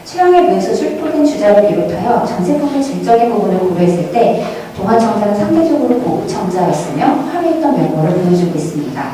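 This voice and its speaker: A woman speaks fast, with few pauses, in a mid-range, dark, sing-song voice as she gives a formal prepared academic presentation at a museum conference. The sound is distant and heavily echoing, from a large indoor hall with faint noise.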